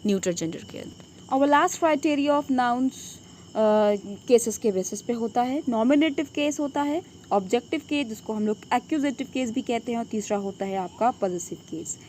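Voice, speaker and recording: Brief: female grammar teacher, high voice, asks then answers her own questions, faint crickets behind. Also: normal speed, darkish tone, a little hiss or hum. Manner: quizzing questions answered herself. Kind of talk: classroom lesson.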